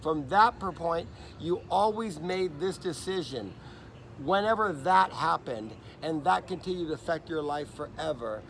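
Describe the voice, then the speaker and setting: A man's voice: a little high, animated, measured pace. A man pressing a stranger with intense, probing, profane questions in a casual outdoor conversation. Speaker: vlogger interviewing a stranger. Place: outdoors in a park by traffic. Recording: loud outdoor noise, traffic nearby.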